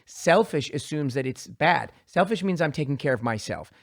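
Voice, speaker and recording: A man's voice: a little high, lively intonation, moderate pace, no echo. A man in his forties hosting a studio podcast, talking in a direct, earnest way that often breaks off and restarts. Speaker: podcast host, surgeon. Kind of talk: casual interview chat. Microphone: handheld studio mic.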